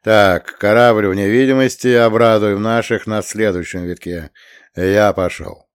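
A man voicing a nervous male postman aboard a spacecraft in an audiobook story, talking briskly. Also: lowish voice, steady tone, clean tone, dry recording, studio quality. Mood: nervous eager.

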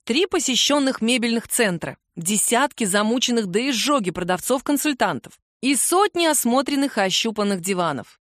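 A woman reading a novel aloud in measured, lightly ironic narration into a close microphone. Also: a little high, animated, a bit bright, no room sound. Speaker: audiobook narrator. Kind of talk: scripted narration.

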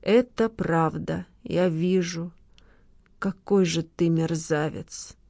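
A woman reads a betrayed wife, cold and bitter, in a quiet, lifeless voice. The sound is dry and close to the mic. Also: mid-range voice, expressive, normal speed, no echo, lightly acted.

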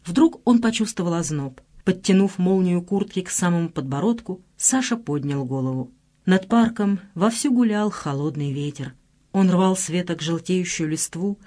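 A narrator reading a novel aloud in an expressive, dramatic way. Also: mid-range voice, moderate pace. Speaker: audiobook narrator. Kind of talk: scripted narration.

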